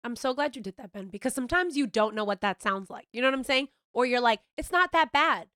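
A woman's voice: on the high side, fast talker, no echo, clean studio sound. Congested, teasing woman podcast host. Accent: American. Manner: lively, teasing, slangy. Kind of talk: casual podcast chat.

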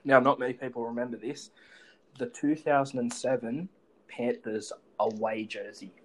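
An Australian man hosts a casual sports chat. His mid-pitched voice stays fairly level in intonation, and he talks informally, as one fan to another. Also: fairly even intonation, moderate pace, low-quality recording. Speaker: podcast host.

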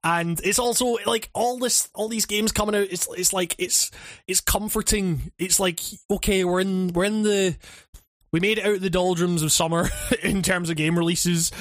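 Young man, high voice, dry close sound, rambling, swears a lot, casual podcast chat. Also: moderate pace, no echo. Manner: rambling, profane, animated. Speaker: podcast co-host.

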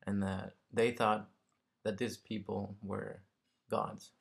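A man's voice: lowish voice, flat delivery, takes it slowly, vocal fry. A man from Mexico talking casually and reflectively as a guest, searching for words and checking in with the listener. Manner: tentative, searching for words, often tags statements with "right?". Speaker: interview guest.

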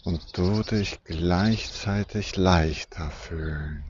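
A man guiding a deep relaxation and sleep journey in a soft, soothing, hypnotic manner with long pauses. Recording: dull muffled recording with background noise.

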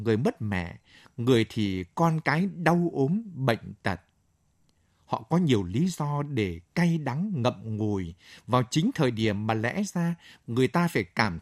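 A man presenting scripted literary commentary on the radio in a measured, formal manner. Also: mid-range voice, a little mellow, dry recording, clean studio sound. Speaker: radio literary show host.

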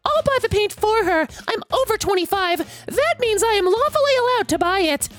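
A woman's voice: very high-pitched, expressive, a little fast, a bit bright, no room sound, voice pushed up. A woman voicing an indignant, entitled middle-aged mother who screeches at a store clerk. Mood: scheming.

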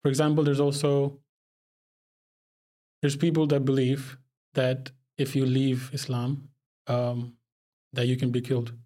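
A man's voice: mid-range voice, little pitch movement, a little slow, warm tone. Young man from Pakistan, reflective. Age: young adult. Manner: reflective, laughs often. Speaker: podcast guest. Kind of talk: casual conversation.

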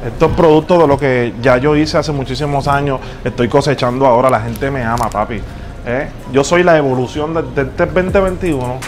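A man's voice: mid-range voice, a little fast, soft background music, voice pushed down, lightly acted. A man with a Puerto Rican accent pranking people on the street as a pushy, self-important fake singer who calls everyone papi. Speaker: prank show host. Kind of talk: hidden-camera prank.

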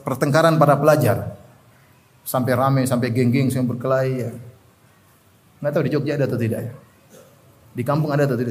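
Middle-aged male preacher, fairly high voice, animated storytelling delivery. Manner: animated storytelling, asks the audience to finish sentences. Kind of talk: sermon.

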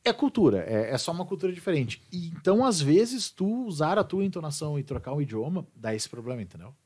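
A man's voice: fairly high pitch, fast talker, slightly rough. A man, an English teacher chatting casually and animatedly. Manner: animated, repeats and restarts words. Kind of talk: casual podcast chat.

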